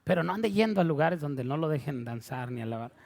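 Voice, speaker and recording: A man preaching a lively sermon. His voice is high for a man and gravelly with fry. He jokes and acts out scenes as he goes. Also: a little fast. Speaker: pastor.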